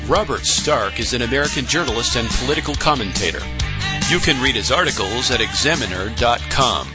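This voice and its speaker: A man reading a scripted show introduction in an even, read-out way. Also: medium pitch, brisk. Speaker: show announcer. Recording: voice over loud guitar music.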